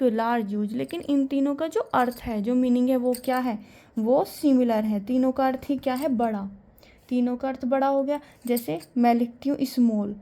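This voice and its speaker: Lady teacher explaining grammar, soft warm voice, keeps asking and answering her own questions. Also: fairly high pitch. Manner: asks questions and answers them herself.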